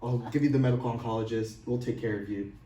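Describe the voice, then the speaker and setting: A man's voice: mid-range voice, fairly even intonation, rapid-fire, warm tone, natural voice. Man acting as blunt doctor breaking bad news, echoey room. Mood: dismissive. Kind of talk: amateur role-play of a medical consultation. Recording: echoey room, distant mic, faint noise.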